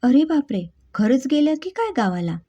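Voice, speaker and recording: A callous, greedy young wife from a spoken story, as a woman narrator puts her on. She talks in an excited, chattering way. The voice is warm and breathy, and the recording is dull. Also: sits high, moderate pace, pitched above the performer's own voice. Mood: gleeful.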